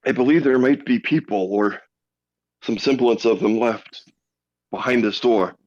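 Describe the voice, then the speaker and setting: A man speaks tentatively and politely as a tabletop game player. His voice sits mid-pitch, and the recording is dull and lo-fi. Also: unhurried, darkish tone. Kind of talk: casual tabletop game play. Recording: dull lo-fi sound.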